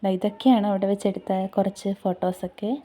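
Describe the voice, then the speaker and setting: Mellow woman narrating a travel vlog. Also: mid-range voice, flat delivery, fast talker. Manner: mixes English words into Malayalam. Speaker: travel vlogger. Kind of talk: casual vlog voice-over narration.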